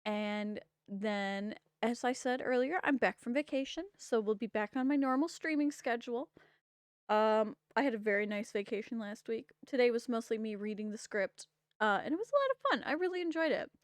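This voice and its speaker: A woman's voice: on the high side, animated, normal speed, clean tone, no echo, clean studio sound. A woman game streamer wrapping up her stream, bubbly, enthusiastic and rambling at a desk mic. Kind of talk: casual stream wrap-up chat.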